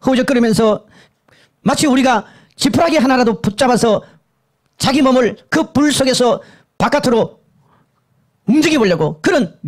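A male pastor preaching a sermon that recounts a vision, emphatic and repetitive, dropping to hushed lows and rising to urgent highs. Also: lively intonation, moderate pace, long pauses. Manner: emphatic and repetitive, swinging between low hushed and high urgent tones.

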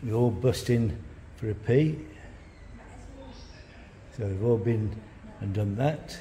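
A man casually narrating his travel vlog while walking at night, relaxed and rambling. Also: fairly low pitch, slow pace. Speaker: vlogger. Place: outdoors at night on city streets. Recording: noisy street recording. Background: street traffic noise.

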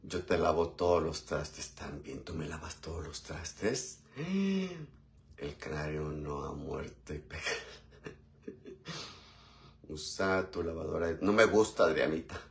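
A man's voice: rumbling low, fairly even intonation, a little slow, vocal fry. A man with a Mexican accent chatting casually on a live stream while he cooks, using crude slang and greeting viewers by name.

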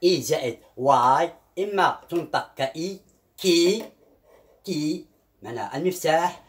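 Lively-pitched man teaching pronunciation. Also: moderate pace. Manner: repeats each example word several times, drawing out the sounds; pitch jumps up on example words and drops for explanations. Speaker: English teacher. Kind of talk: slow explanatory language lesson.

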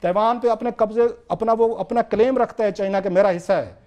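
A man with a Pakistani accent speaks as a political commentator on a televised talk show. His voice sits high for a man. He argues with urgency and drives his points home by repeating them. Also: fast, warm tone. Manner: urgent, emphatic, repetitive argument.

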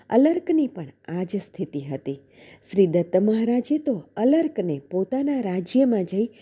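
A woman reading a devotional scripture aloud in a soft, measured recitation, slowing to chant the verses. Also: mid-range voice, husky. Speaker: devotional reader.

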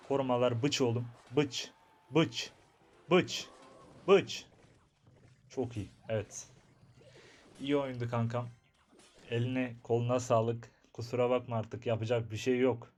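A young man giving chatty, excitable commentary on his own mobile game match, talking to his viewers and to himself. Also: mid-range voice, moderate pace. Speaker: gaming YouTuber. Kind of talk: live gameplay commentary.

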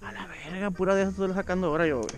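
A man, chatting excitedly and swearing freely while fishing, recorded outdoors on a boat by an action camera. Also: high-pitched, racing, faint music behind. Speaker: angler filming his fishing trip. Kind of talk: casual fishing vlog banter. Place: outdoors on a bass boat on a lake. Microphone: first-person action camera.

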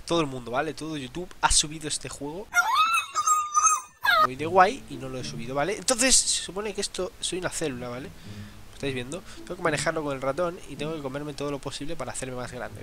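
Excitable young gamer, swearing. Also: male voice, fairly high pitch, very noisy. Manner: excitable, swearing, sudden yells and laughs. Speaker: gameplay youtuber. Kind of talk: casual gameplay commentary. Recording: game music behind.

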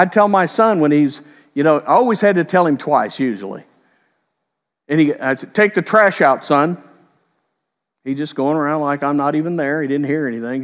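Middle-aged male pastor, reverberant sanctuary. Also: a little high. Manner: conversational storytelling with quick voiced quotes. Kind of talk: sermon.

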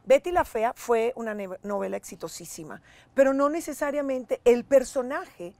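Middle-aged female talk-show host, higher voice, chatty and inquisitive, seated on a studio set. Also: darkish tone, no room sound. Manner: chatty, inquisitive, quick questions. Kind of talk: TV interview.

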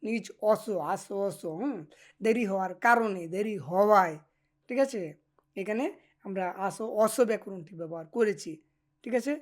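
Woman slowly teaching example phrases. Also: medium pitch. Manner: slow, repeating example phrases and checking in with listeners. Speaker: language teacher. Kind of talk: spoken language lesson.

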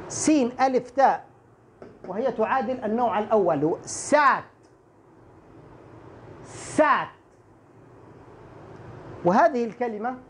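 A man teaching English pronunciation, saying each word slowly and more than once and speaking straight to the viewer. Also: very high voice, slight background noise. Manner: drills words slowly and repeats them, talking straight to the viewer. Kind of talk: pronunciation lesson for Arabic speakers.

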